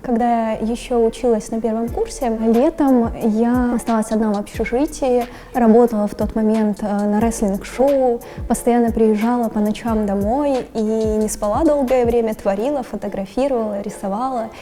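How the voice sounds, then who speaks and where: A calm twenty-four-year-old woman giving short, positive answers on a blind date. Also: on the high side, moderate pace, few pauses. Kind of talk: casual chat.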